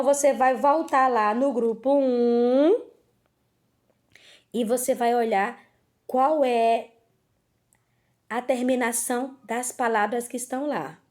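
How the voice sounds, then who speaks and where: High-voiced woman teacher explaining patiently. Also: a little mellow. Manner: patient, explains step by step with questions to students. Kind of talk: recorded remote lesson.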